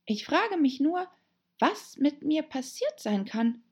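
Woman doing a high, girlish, anxious storybook heroine, breathy and animated. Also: slow pace, exaggerated voice. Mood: musing. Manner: anxious, stammering self-talk. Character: girl Alice, worried and chattering to herself. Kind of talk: audiobook character voice.

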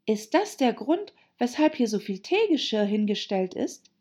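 A woman's voice: a little high, very animated, a little slow, darkish tone, slightly rough, voice pushed up, heavily acted. A woman voicing a curious, polite young girl with an earnest, questioning way of speaking. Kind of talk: audiobook character voice.

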